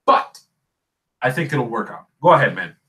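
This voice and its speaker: A man hosting a casual gaming podcast livestream, chatty and excitable, saying dude and bro a lot. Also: mid-range voice, normal speed, low-quality recording. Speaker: podcast host.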